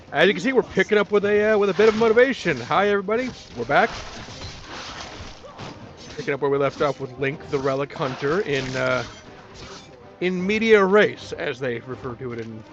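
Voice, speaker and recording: Chatty man, slightly high voice, gaming host. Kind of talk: casual let's play commentary. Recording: dull audio with music behind. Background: game music.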